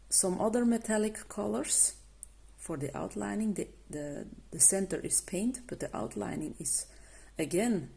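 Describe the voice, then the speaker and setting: A woman's voice: medium pitch, gravelly, warm tone. A woman who is not a native English speaker, casually reviewing art markers and stopping often to restart her sentences. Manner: hesitant, many restarts and fillers. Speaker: coloring channel host.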